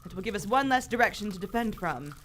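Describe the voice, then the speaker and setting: An actress playing a bold, unflappable lady adventurer with a brisk, formal, confident manner in a live radio adventure. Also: mid-range voice, animated, fairly bright tone, slight background noise, lightly acted. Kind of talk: old-time radio adventure acting, live theater.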